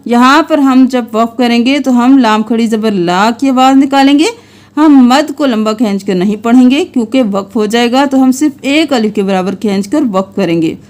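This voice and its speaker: High-voiced woman teaching Quran recitation. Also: a little mellow. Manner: patient step-by-step explaining, chanting verses slowly and melodically.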